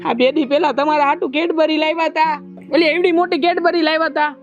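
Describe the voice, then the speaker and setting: A lovesick young brother-in-law from the village, whining and pleading. The sound is muffled and lo-fi, with soft music faintly behind. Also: male voice, very high voice, fairly even intonation, moderate pace. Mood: coaxing. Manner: whiny, pleading.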